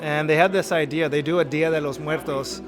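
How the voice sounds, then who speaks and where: A man's voice: fairly high pitch, fairly even intonation, brisk. A man from Los Angeles, an artist giving an earnest, motivational interview about his work. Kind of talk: reflective interview talk. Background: music.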